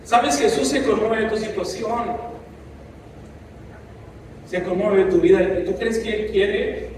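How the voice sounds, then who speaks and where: A man's voice: sits high, takes it slowly, noisy background. A man preaching a sermon as pastor, impassioned and mixing in asides. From Mexico. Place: church. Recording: echoey church hall from a distance.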